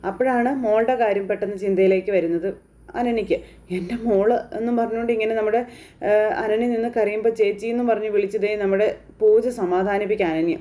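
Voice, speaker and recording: Fast, mellow-voiced chatty woman narrator. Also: mid-range voice. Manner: chatty, colloquial, strings events with frequent fillers. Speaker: serial recap narrator. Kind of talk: casual retelling of a TV serial episode.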